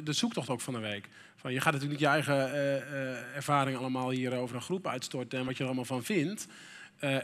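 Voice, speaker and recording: A man's voice: medium pitch, bright, forceful tone. A middle-aged man preaching a sermon in a church, candid and conversational, with frequent fillers. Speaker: pastor. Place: church hall. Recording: reverberant church hall.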